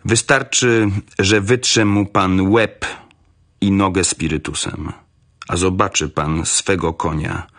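A calm, self-assured detective speaks low and measured, as a male reader acts him out. His voice sits deep and slow with a husky edge. He sounds unhurried, as in a read-aloud storybook. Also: full character voice.

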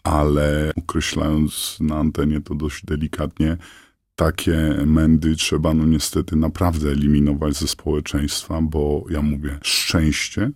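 A man with an electronically disguised voice, answering a radio interviewer haltingly with many fillers and restarts. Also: monotone, darkish tone, dry recording, clean studio sound. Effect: voice disguised, pitched down. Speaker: anonymous father interviewed on radio.

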